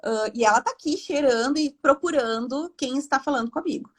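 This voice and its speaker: A woman, a speech therapist speaking from home on a video call in a live online talk, explaining in a chatty, animated way. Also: high-pitched, fairly quick.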